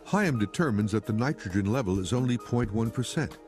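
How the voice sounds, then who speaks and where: A man's voice: on the low side, lively intonation, brisk. A man reading scripted narration as the narrator of a documentary. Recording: loud music under the voice. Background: music.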